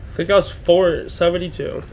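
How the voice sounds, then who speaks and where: A man's voice: sits high, steady tone, brisk. A man casually commenting on a game as he streams, hesitant and muttering to himself. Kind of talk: casual live gameplay commentary. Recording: faint background noise.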